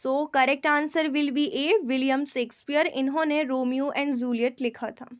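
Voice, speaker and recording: A woman with an Indian accent going through general knowledge questions as a teacher, mixing Hindi and English, often checking that students follow and slowing down to read each question. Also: high voice, steady tone. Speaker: quiz teacher. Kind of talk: explaining quiz answers.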